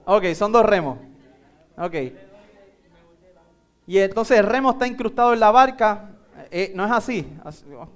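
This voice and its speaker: A man's voice: high-pitched, a little slow, pauses often. A man with a Puerto Rican Spanish accent preaching a sermon as pastor, telling a Bible story while directing volunteers who act it out. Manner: animated storytelling, acting out a Bible scene with volunteers.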